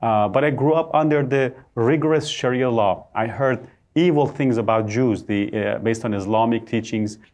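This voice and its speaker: A man's voice: medium pitch, normal speed, hardly any pauses, a little mellow. A man in his thirties from Iran, with a Persian accent, speaking earnestly as a studio guest with many hesitations. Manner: earnest, with frequent "uh" fillers. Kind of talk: interview testimony. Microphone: lapel mic.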